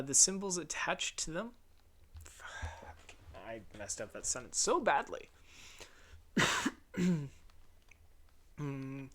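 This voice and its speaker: A man reads through his own video essay script in a raw, unedited take. His voice sits at an ordinary middle pitch. He keeps it casual and wry, swears now and then, and simply starts a sentence over when he flubs it. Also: pushed and bright. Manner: casual, wry, swears, restarts flubbed lines.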